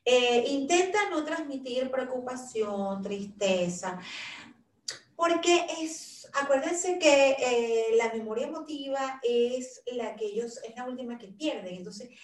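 Chatty middle-aged lady telling caregiving stories, acts out the quotes, kinda high voice, echoey room, mic a bit far off. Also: slow pace. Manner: animated storyteller, acts out quotes of her father and herself. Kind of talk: casual talk sharing caregiving advice. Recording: roomy echo, a little far from the mic.

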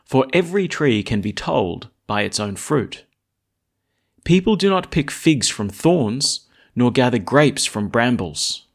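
Priest speaking at Mass, measured and conversational. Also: male voice, medium pitch, sing-song. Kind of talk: Gospel reading and informal homily at Mass. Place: church during Mass.

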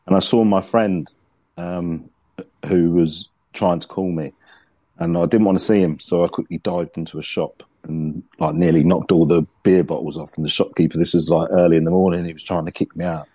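Low-voiced candid man telling his story. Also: steady tone, normal speed, warm tone, dry recording. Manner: candid, self-deprecating storyteller. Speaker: guest. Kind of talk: casual storytelling.

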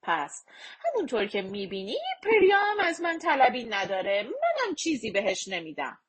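A woman's voice: on the high side, wildly swooping pitch, slightly rough, full character voice. A woman reading the part of a king who lectures a young prince firmly and refuses his request. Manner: lecturing, firm. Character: stern older king, firm and dismissive.

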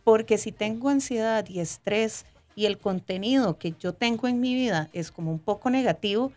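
A woman's voice: on the high side, moderate pace. A woman, explaining emotional regulation on a talk show and often tagging her sentences with a question. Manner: frequent tag question "¿verdad?", warm explanatory tone. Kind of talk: casual explanatory chat.

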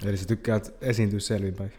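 A male interviewer asking relaxed questions in a casual chat, with short backchannels. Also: lowish voice.

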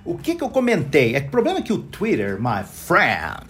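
Lively Brazilian man explaining. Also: sits high, fast, faint music behind. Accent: Brazilian Portuguese. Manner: animated, explanatory, self-correcting. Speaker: English teacher. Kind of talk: casual panel chat.

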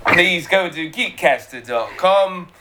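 A man's voice: a little high, expressive, slow, over a noisy crowd. A man hosting a casual panel chat, upbeat and rambling with fillers. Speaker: host.

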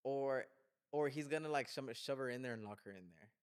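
A man in a casual chat, excitedly recapping a horror film scene by scene, swearing often and acting out the characters' lines. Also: medium pitch, a little fast, smooth. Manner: excitable, profane, acts out scenes. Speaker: film discussion podcast co-host.

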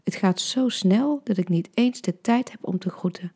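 Husky, half-whispering woman storyteller. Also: medium pitch, moderate pace. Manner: soft, intimate, often half-whispered. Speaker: podcast storyteller. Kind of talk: scripted narration.

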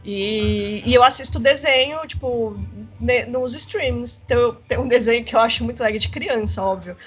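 A woman's voice: fairly high pitch, normal speed, faint music behind. A woman in a casual chat, telling things with enthusiastic, chatty delivery.

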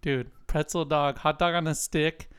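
A young man with a smooth, resonant voice, pitched a touch higher than most men. He chats casually and jokes around with a friend, telling stories with playful exaggeration. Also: measured pace. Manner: joking, animated storyteller who puts on a squeaky kid voice. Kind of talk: casual chat.

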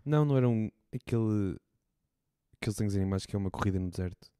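A young man with a European Portuguese accent talks fast in a low voice, teasing and blunt in casual podcast chat. The sound is dry and close to the mic. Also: mellow, smooth, no room sound. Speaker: podcast co-host.

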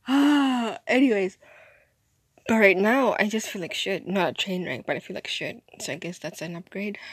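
A woman's voice: medium pitch, a bit bright, husky, dry recording. A young woman telling a casual storytime, chatty and dramatic, sounding drowsy and hungover. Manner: chatty, dramatic, acts out quotes. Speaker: storyteller vlogger.

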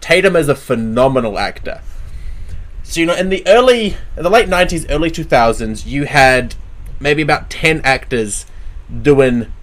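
A man's voice: a little high, lively intonation, moderate pace, a bit bright. Emphatic man hosting a casual chat. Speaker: show host. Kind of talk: casual opinionated chat about anime dubs.

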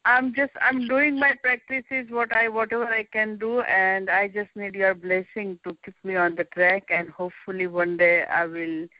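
A woman's voice: mid-range voice, little pitch movement, moderate pace, few pauses, dry recording. A woman calling in by phone to a spiritual show, respectful and hesitant, often repeating her words as she begins. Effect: caller heard over a phone line. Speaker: caller to a spiritual call-in show. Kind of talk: respectful devotional caller. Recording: dull dry lo-fi phone line.

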